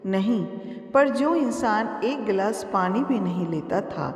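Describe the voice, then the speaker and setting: Worried young daughter-in-law, read by a woman narrator; hesitant, slow, roomy distant sound. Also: mid-range voice, lively intonation. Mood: anxious. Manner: hesitant, anxious. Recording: echoey room, far from mic.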